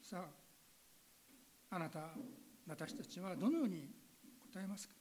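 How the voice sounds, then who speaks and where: A woman's voice: on the low side, very animated, unhurried, a little mellow, breathy edge, low-quality recording. Earnest woman pastor preaching. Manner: earnest, addresses listeners with direct questions. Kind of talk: sermon ending in a spoken prayer.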